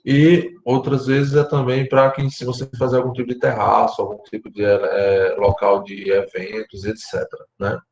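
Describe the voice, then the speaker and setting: A Brazilian man lecturing architecture students online, explaining step by step and often checking in with his class, his voice going hoarse. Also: fairly low pitch, flat delivery, moderate pace, few pauses, a little mellow, echoey room. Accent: Brazilian Portuguese. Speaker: university lecturer.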